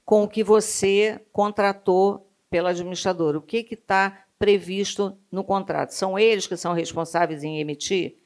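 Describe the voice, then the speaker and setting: A woman with a mid-pitched voice explains her points on a professional panel. She keeps checking in with the listener and offers practical counsel in a conversational way. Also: steady tone, normal speed, few pauses, a little mellow. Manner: explanatory, frequent tag questions. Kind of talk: panel discussion.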